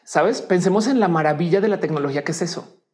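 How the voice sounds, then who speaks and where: Woman, colombian accent, casual guest chat, lively, laughs easily. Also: lowish voice, fast talker. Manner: animated, acts out quoted voices, laughs often. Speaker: guest, youtuber and teacher.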